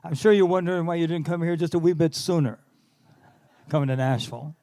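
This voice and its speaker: A man briefly voicing an older Irish male business manager, in an Irish accent, gentle and reassuring. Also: fairly high pitch, brisk, no echo, clean studio sound, voice pushed up, lightly acted. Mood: kindly.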